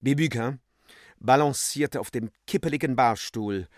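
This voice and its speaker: Slow theatrical male reader, dry sound. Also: mid-range voice, no echo. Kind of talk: dramatic literary reading.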